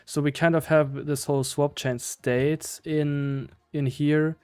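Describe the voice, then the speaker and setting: A man's voice: on the high side, flat delivery, slow pace, a little mellow, clear, resonant tone, no echo. A man with a German accent doing casual live coding commentary, hesitantly thinking aloud in fragments. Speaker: live-streaming programmer.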